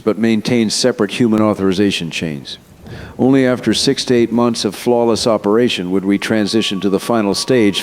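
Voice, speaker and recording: With slight background noise, a man of fairly low pitch gives a lightly acted performance as an expert being interviewed in an audio drama. He portrays the confident, earnest architect of an AI system, a scientist who explains himself assuredly and persuasively.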